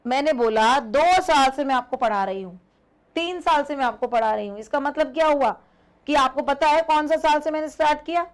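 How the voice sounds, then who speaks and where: High-voiced woman teaching grammar. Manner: explains slowly, repeats points, calls students "beta". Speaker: English teacher. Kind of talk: online grammar lesson.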